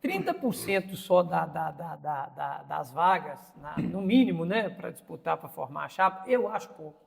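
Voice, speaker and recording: A Brazilian podcast host in his fifties conducts a casual interview, opinionated and often repeating words while he searches for the right ones, with a Brazilian Portuguese accent. His voice is on the high side, gravelly and sing-song, at a normal speed. The sound is that of a large hall.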